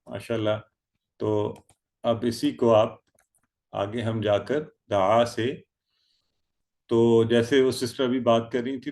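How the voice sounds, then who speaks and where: A male teacher runs an online grammar class, repeating each verb form in turn and asking students to say it back. His voice sits at an ordinary middle pitch, and he calls on learners one by one as he works through the drill on a video call. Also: darkish tone. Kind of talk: online Arabic grammar lesson.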